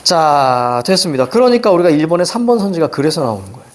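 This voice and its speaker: A middle-aged man teaching a reading lesson, quizzing students with quick questions and a repeated "now". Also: on the high side, big pitch swings. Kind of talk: recorded lecture explaining a reading passage.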